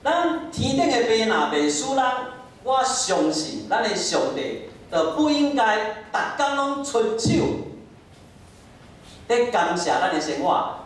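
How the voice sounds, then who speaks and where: A man's voice: extremely high pitch, very animated, slow pace. A man with a Taiwanese accent preaching a sermon in an emphatic, conversational way, prompting listeners with short questions and interjections. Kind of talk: sermon with rhetorical questions, closing in prayer. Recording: very echoey room, distant mic, faint noise.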